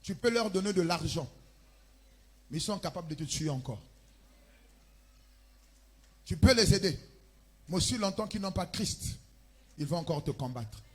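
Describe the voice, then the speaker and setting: Husky high-pitched Congolese preacher. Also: male voice, lively intonation, fairly quick. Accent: Congolese French. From Republic of the Congo. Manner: preaching with loud emphatic bursts and chanted lines. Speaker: pastor. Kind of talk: sermon. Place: church.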